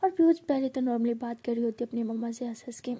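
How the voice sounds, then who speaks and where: A woman's voice: fairly high pitch, quick pace, warm tone, husky. A woman casually retelling a love story in a chatty, repetitive way, often drifting into whispers.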